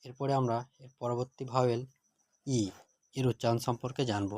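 A man teaching a grammar lesson, reading out words one at a time with their meanings in a measured, dictating way. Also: medium pitch, steady tone, dark tone, no echo. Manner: measured, word-by-word dictation with translations.

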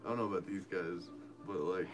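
A man telling a story casually, rambling and halting, with lots of fillers. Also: low-pitched, steady tone, a loud crowd, low-quality recording.

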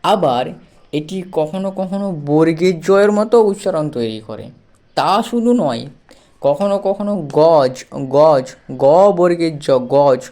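A man with a dark, mellow voice gives a patient pronunciation lesson. He works through each word letter by letter and repeats every sound several times, slowly and deliberately, as he talks straight to the learner. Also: on the high side. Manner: patient, addresses the learner directly. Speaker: English pronunciation teacher. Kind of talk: slow step-by-step lesson.

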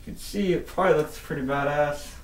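A man's voice: a little high, fairly quick. A young man casually reviewing an airsoft mask indoors, his voice muffled by the balaclava and mask he is wearing. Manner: casual, rambling, mild swearing. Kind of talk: casual gear review vlog. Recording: roomy, distant camera audio.

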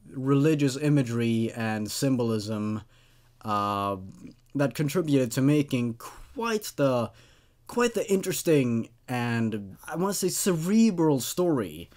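Taking it slowly and expressively, a man in his twenties narrates horror stories and chats casually as a YouTube host. English isn't his first language, and his voice is medium-pitched and a little mellow. He records in a small, dark indoor room on a close studio mic mounted on a boom arm.

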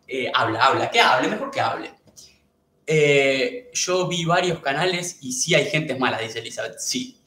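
A man's voice: medium pitch, bright, forceful tone, roomy sound. A man with an Argentine accent chatting casually on a live stream, greeting viewers by name and repeating himself. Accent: Argentine Spanish.

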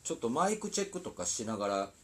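Husky Osaka man, rambling and lively. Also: mid-range voice, fast talker. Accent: Osaka dialect. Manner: rambling, apologetic, laughs often. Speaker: musician live-streaming. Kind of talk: casual live-stream chat. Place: recording studio.

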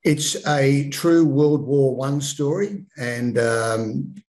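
An Australian man in his sixties, an author, telling stories in a relaxed way with frequent ums and restarts over a video call from his home lounge room. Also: medium pitch, very slow, rough recording. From Melbourne, Australia. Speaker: author guest. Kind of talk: casual interview. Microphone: video call webcam.

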